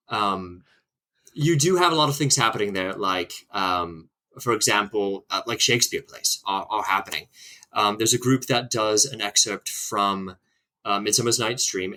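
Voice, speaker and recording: A man's voice: on the low side, sharp tone, voice pushed down. A man putting on a posh British accent as he talks about history, with many hesitant ums.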